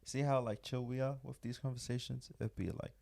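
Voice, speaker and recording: A young man with a New Zealand accent, hosting a casual chat, playful and quick to laugh. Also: mid-range voice, fairly even intonation, creaky, warm tone. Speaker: host.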